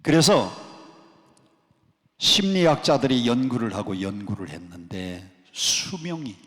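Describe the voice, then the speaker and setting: A man's voice: mid-range voice, very animated, fairly bright tone. A male pastor preaching a sermon, leading the congregation in call-and-response. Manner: call-and-response preaching, drawn-out emphatic lines. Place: church sanctuary at a prayer retreat. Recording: long church hall reverb.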